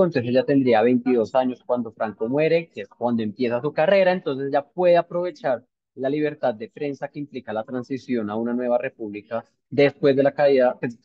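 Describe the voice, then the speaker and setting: A man's voice: mid-range voice, no room sound. A man presenting a novel to a book club in a thoughtful, hesitant way, with many fillers and tag questions. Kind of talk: informal book discussion talk. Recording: dull lo-fi sound.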